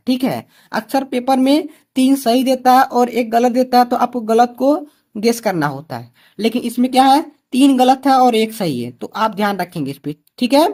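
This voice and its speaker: A woman's voice: a little high, dark tone. A woman teaching an exam-prep grammar lesson, who keeps asking questions and answering them herself. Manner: repeats key points for students.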